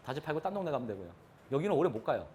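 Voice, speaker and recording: Fast, animated male lecturer. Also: on the high side, a little hiss or hum. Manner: animated, poses questions to the audience. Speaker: real estate lecturer. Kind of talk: live classroom lecture.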